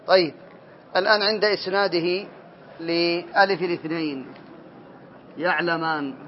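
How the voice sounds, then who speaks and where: A male teacher of Arabic morphology leads a grammar lesson, drilling students, calling on them by name, and correcting their answers. His voice sits high with fairly even intonation and a moderate pace. The dull, lo-fi classroom recording carries slight background noise.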